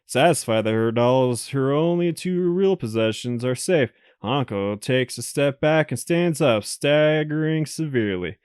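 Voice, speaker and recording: A man's voice: mid-range voice, animated, a little slow, hardly any pauses, a little mellow, clean tone, dry recording, clean studio sound. A man hosting a let's play, reading a visual novel's narration aloud with amused laughs between passages. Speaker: let's play host reading the game text.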